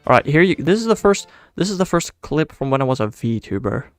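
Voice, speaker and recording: His fairly high, sing-song voice moves along fairly quickly as this man from the Netherlands chats on a live stream, soft music in the background. With a Dutch accent, he rambles, makes fun of himself, and thinks aloud, often starting over.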